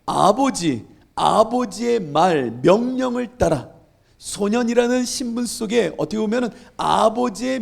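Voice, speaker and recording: Brief: male pastor, high and gravelly, lively sermon with rhetorical questions. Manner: asks the congregation rhetorical questions; acts out Bible scenes.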